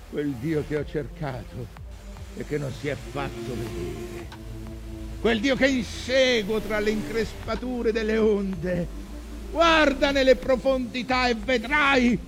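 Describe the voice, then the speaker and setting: An old whaling captain, worn out yet obsessed, in a theatrical monologue. His voice is high for a man and moves slowly through anguished, declamatory phrases. Music plays behind him. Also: heavily acted. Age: older. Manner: declamatory, anguished, swinging from murmurs to cries.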